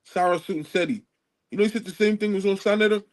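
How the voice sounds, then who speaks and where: A man who joins a live online panel as a guest and argues his side, cutting in often and apologizing along the way. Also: sits high. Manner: quick to interject, apologetic, then argumentative. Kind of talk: casual debate on a live panel.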